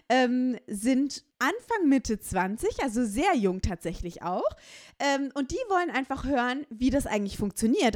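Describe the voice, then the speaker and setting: A woman hosting a podcast interview, asking long rambling questions with many fillers. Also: fairly high pitch. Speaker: podcast host. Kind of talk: casual interview talk.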